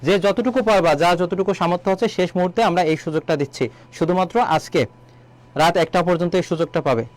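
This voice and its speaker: A man teaching an online exam-prep lesson, asking students questions, answering them himself and repeating key words slowly. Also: sits high. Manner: quizzes students, then answers his own questions. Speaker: admission exam tutor.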